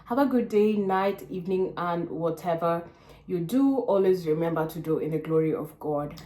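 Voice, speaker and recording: A woman's voice: lowish voice, moderate pace. Chatty Kenyan woman in an echoey room. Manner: chatty, lots of "like", swings from soft and wistful to loud and animated. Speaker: vlogger. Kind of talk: casual chat to camera. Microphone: phone or camera on a stand. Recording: echoey room, faint background hiss.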